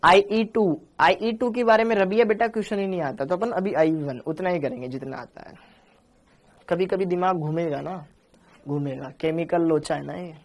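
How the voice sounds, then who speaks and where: A man's voice: high-pitched, moderate pace. A man teaching a live online chemistry class, coaxing and teasing his students as he reads their chat messages.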